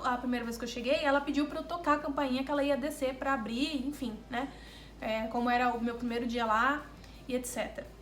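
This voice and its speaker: A woman vlogger from Brazil telling a travel mishap story to her viewers in a casual, animated way, often repeating words for emphasis. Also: high-pitched, roomy sound.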